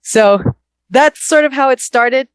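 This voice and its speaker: Her voice is high-pitched, a little slow and clean in tone, with no echo, though the recording itself is rough. She's a young vocalist and musician from Houston, Texas, casually and self-deprecatingly chatting in an interview by phone from a bus.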